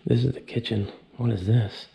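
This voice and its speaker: Excited man touring an empty mansion. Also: mid-range voice, moderate pace, gravelly, lo-fi sound, slight background noise. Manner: excited, awed exclamations, thinking aloud. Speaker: urban explorer vlogger. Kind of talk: casual walkthrough vlog. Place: large empty indoor mansion rooms. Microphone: handheld action camera at arm's length.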